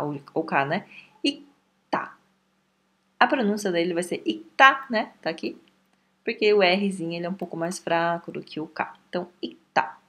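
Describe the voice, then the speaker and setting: Woman teacher, low-pitched, patient lesson explainer who repeats words slowly and checks in constantly. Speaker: language teacher. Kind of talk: online language lesson.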